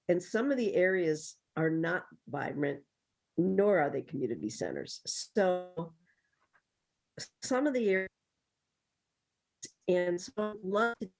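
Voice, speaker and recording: A woman council member speaking in a meeting over a video call whose connection keeps breaking up, candid and halting. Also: fairly low pitch. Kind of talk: meeting discussion.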